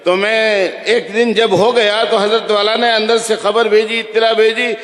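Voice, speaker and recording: A man preaching a sermon in a mosque, telling stories and slowly chanting recitation examples. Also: high-pitched, flat delivery, a bit bright. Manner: storytelling, slows to chant Quran recitation examples. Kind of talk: religious sermon. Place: large echoing mosque hall. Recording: echoey hall reverb.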